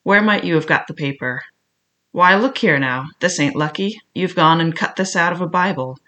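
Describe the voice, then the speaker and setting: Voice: mid-range voice, moderate pace, pushed and bright, natural voice. A reader voicing a cunning old male pirate cook who mocks his crew in a sly, silky way. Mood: sly scornful. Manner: wheedling, mocking, sly. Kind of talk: audiobook character reading.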